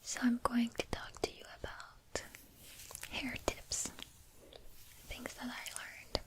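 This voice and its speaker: Slow whispering young woman. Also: fairly high pitch, monotone. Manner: slow, soft, intimate whispering. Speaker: ASMR creator. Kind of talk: whispered ASMR.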